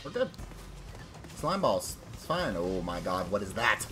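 A young man casually commenting while he plays a video game, swinging between loud excited yelps and low frustrated muttering. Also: measured pace, over music. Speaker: gaming channel host. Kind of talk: live let's-play commentary.

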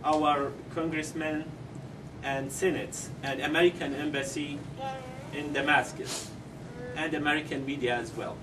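A middle-aged Syrian parent reads a prepared statement at a press conference and then answers questions, seated at a conference-room table. His voice is a little high with fairly even intonation, and he halts often, using many ums and non-native grammar. Heard through a far camera despite table microphones, the recording is distant with clear background noise.

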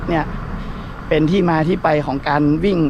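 A man's voice: a little high, fairly even intonation, normal speed, vocal fry, heavy background noise. A man from northern Thailand chatting casually to viewers while running outdoors, talking with some effort. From Phayao province, northern Thailand. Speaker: running vlogger. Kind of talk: casual vlog chat to viewers. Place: outdoors along a road.

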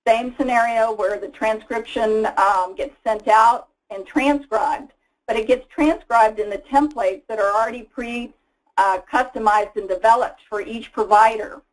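A woman's voice: fairly high pitch, rough recording. A woman giving a casual, explanatory slide webinar presentation as a product presenter, with frequent fillers. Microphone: voice-over for slides.

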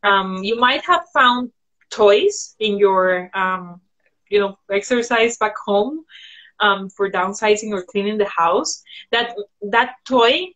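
A woman guest on a video call from home, giving advice in a thoughtful, halting way with frequent fillers. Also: a little high, sharp tone, poor audio. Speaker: guest sharing sustainability tips. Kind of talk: casual video-call interview. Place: indoors at home.

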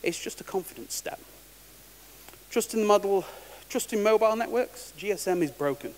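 A man's voice: high-pitched, animated, moderate pace. A man giving a technical conference talk, casual and wry, often restarting words. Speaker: conference speaker. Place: large conference hall. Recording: reverberant hall with faint hiss.

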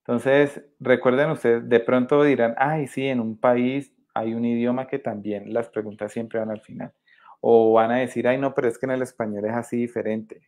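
A man's voice: mid-range voice, a little mellow. A man with a Colombian Spanish accent teaching a live virtual sign language workshop, explaining patiently and often checking for understanding, recorded on a webcam indoors.

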